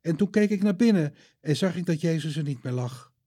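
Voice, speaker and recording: Give me a man playing an upset young woman, high and trembling, tripping over her words. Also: lively intonation, a little fast, dark tone. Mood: shaken. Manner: breathless, stumbling, high-pitched pleading.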